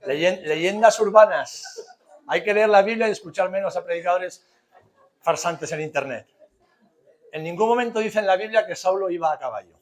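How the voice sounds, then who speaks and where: Speaking fairly quickly in a high voice, a man preaches like a pastor in a relaxed, conversational way. His accent is Spanish from Spain, and he relies on rhetorical questions, forceful repetition and colloquial jokes.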